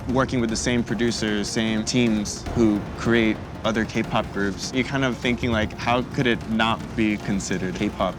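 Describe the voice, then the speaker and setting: A man's voice: fairly low pitch, fairly even intonation, a little slow, hardly any pauses, music in the background. A man who is a member of a pop group, talking matter-of-factly in an interview. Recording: outdoors with loud street noise.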